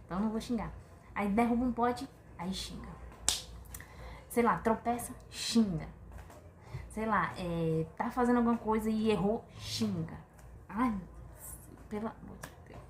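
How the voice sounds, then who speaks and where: A woman giving a casual opinion monologue to camera, chatty and animated, full of rhetorical questions and exasperated sighs. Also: mid-range voice, moderate pace, pauses often, slight background noise. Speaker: vlogger. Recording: echoey room with faint ambience.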